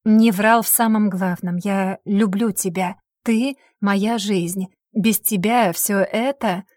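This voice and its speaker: Woman voicing a smooth-talking young lover. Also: mid-range voice, steady tone, slow, darkish tone, no echo, clean studio sound. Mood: tender. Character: cunning young man pleading with his lover. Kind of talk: audiobook character voice.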